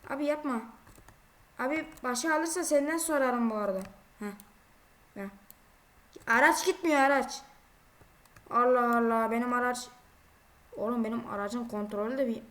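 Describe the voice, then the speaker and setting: A high-pitched woman chats her way through a driving game. She talks casually and exclaims a lot, scolding the drivers who block her way. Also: moderate pace, pauses often, fairly bright tone. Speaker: gaming video creator. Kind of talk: casual gameplay commentary.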